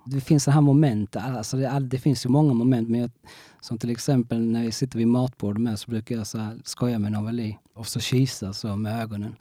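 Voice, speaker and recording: A young man telling his own story in a casual interview, halting often and restarting with many fillers. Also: mid-range voice, flat delivery, dark tone, no room sound, studio quality.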